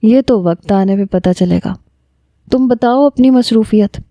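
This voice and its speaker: A woman's voice: on the high side, dark tone, no echo, lightly acted. A woman reading the lines of a lovestruck young woman talking to a friend on the phone, smiling and candid.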